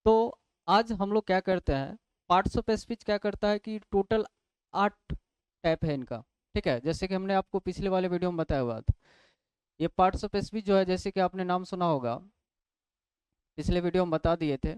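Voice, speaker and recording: Posing questions and then answering them himself, a man lectures a class on English grammar one step at a time. He speaks at a normal speed in a high-pitched voice with a darkish, clean tone, and there is no room sound.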